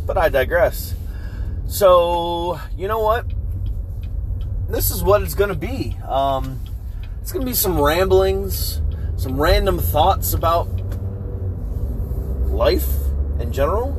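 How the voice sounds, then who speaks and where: A man in his forties hosting a rambling podcast, recorded on a low-quality Bluetooth mic inside a moving car, swearing casually and poking fun at himself. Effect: low-quality Bluetooth car audio. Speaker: podcast host. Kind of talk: rambling solo podcast talk. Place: inside a car while driving. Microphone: car Bluetooth hands-free mic. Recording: loud road noise, lo-fi Bluetooth audio. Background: car and road noise.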